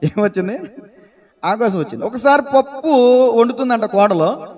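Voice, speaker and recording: Very high-voiced man preaching. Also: normal speed, breathy edge. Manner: lively storytelling, calls on listeners to answer aloud. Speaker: pastor. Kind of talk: sermon to a congregation. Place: church.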